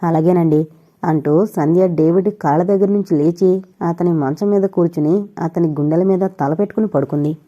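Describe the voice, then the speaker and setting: A woman narrating an audio novel in a steady, even storytelling delivery. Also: fairly low pitch, muffled recording.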